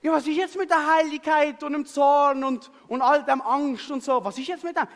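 A man with a Swiss German accent preaching a sermon and telling a personal story in a lively way, often tagging his sentences with a question to the congregation. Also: very high-pitched, moderate pace. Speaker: pastor. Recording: long hall reverb.

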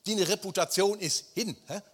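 A man's voice: high voice, moderate pace, fairly bright tone, slightly rough. A man preaching a sermon, speaking emphatically and turning often to address his listeners directly. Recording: long hall reverb.

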